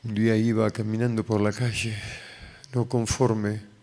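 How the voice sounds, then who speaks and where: Argentine pastor preaching in a reverberant hall. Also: male voice, fairly low pitch, flat delivery, measured pace, darkish tone. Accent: Argentine Spanish. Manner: storytelling, acting out dialogue with raised voice. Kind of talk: sermon testimony. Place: church hall.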